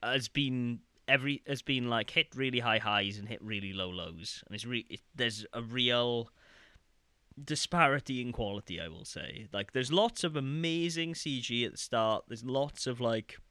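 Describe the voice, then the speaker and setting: Young male podcast co-host, animated and rambling, crisp bright tone. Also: medium pitch, normal speed, no room sound. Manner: rambling, animated, quotes game lines in mock voices. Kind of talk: casual podcast chat.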